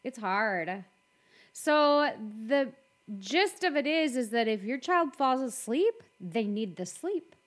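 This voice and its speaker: A woman co-hosting a casual chat about parenting, animated and repeating phrases for emphasis. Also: high voice, takes it slowly.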